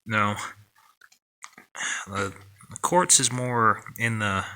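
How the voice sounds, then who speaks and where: A man hosting a mining video, giving a casual, plain-spoken walkthrough inside an underground mine tunnel and often pausing on fillers. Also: fairly low pitch, pushed and bright. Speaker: mining vlog host.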